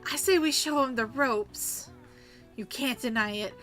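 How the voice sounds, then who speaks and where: Woman putting on a flamboyant, bright-voiced drag queen. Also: high voice, unhurried, soft background music. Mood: flirty, teasing. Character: flamboyant sassy adult drag queen, flirty and theatrical.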